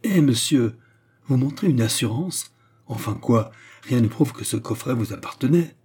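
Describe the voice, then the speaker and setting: A man voicing a proud, blustering German officer in a storybook reading, his voice husky and mellow. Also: mid-range voice, moderate pace, natural voice. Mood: defensive bluster. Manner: blustering and defensive.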